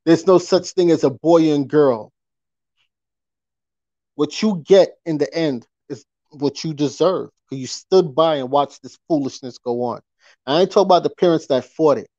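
A man's voice: fairly high pitch, darkish tone, no room sound. A man hosting a podcast in a casual live-stream rant, emphatic, repeating his points and asking rhetorical questions. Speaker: podcast host. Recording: dry, dull lo-fi audio.

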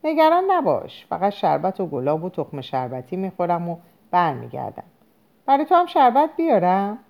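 A woman reading a novel aloud, voicing an easygoing middle-aged husband and father in her own mellow voice. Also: lowish voice, wildly swooping pitch, vocal fry, exaggerated voice. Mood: teasing.

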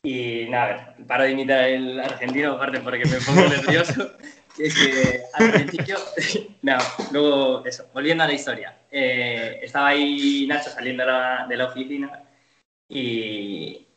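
A man's voice: mid-range voice, fairly even intonation, moderate pace, reverberant, noisy background. A man from Spain with a Spanish accent, co-hosting a casual chat and telling stories in a rambling way full of fillers and restarts. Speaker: podcast co-host.

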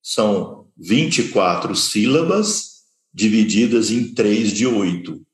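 A man teaching a scripture study class, explaining terms slowly and repeating key words while pointing at slides. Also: on the low side, expressive. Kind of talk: slow explanatory lecture. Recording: echoey room.

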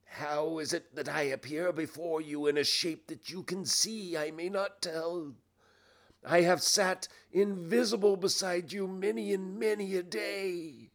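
A man voicing a tormented, remorseful ghost in a storybook reading, declaiming with drawn-out, anguished cries. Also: high voice, steady tone, voice pushed up. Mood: urgent, grave warning. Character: tormented male ghost, wailing, preachy, remorseful old business partner.

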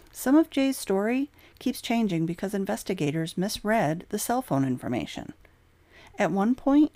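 A woman with a low voice narrating a true crime script, her pitch rising and falling a lot as she stresses key points. The sound is dry and close. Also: dark tone, no echo.

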